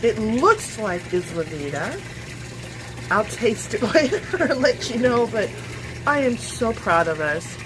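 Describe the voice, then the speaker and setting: A woman's voice: fairly high pitch, sing-song, slow pace, background noise. A middle-aged woman hosting a casual home cooking show from her kitchen, chatty and upbeat, talking straight to viewers.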